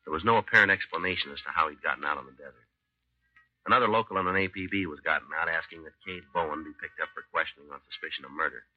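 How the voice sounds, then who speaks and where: An actor playing a tough, terse American police detective who also narrates in a deadpan, matter-of-fact way, in 1950s radio drama style. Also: male voice, a bass voice, racing, narrow, tinny audio. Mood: flat, businesslike.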